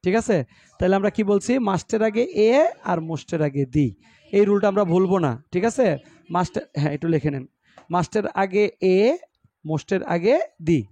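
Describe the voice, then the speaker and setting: In a muffled recording with no room sound, a Bangladeshi-accented man from Bangladesh leads an English grammar class, explaining in Bengali with English words and example sentences while quizzing students and repeating answers. His voice sits high and is mellow, with lively intonation at a moderate pace.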